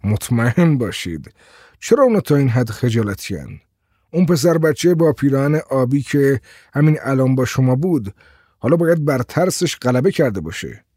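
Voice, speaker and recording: A man voicing a polite, calm male motorist who speaks evenly and courteously. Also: mid-range voice, breathy edge, dry recording, studio quality.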